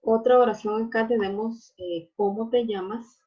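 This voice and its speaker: A woman's voice: a little high, fairly even intonation, moderate pace. A woman teacher giving a recorded class lecture, explaining patiently with frequent fillers and tag questions. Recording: dull lo-fi audio.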